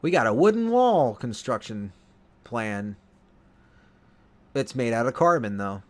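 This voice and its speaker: A man casually commenting while he plays a video game, thinking out loud and often correcting himself. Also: medium pitch, very animated, a little slow. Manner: rambling, self-correcting, thinking aloud. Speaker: let's play host.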